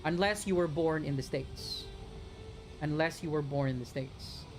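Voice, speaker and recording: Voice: medium pitch, unhurried, soft background music. Chatty streamer from the Philippines. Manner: chatty, rambling with many restarts, talks straight to viewers. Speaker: gaming streamer. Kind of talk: casual live-stream chat answering viewers.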